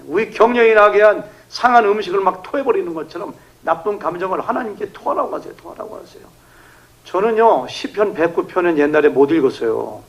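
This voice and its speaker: A man's voice: high-pitched, fairly quick, few pauses, rough recording. A male pastor preaching an emphatic revival sermon in a church, leading the congregation in reading. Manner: emphatic, animated, acting out shouted prayers. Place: church sanctuary.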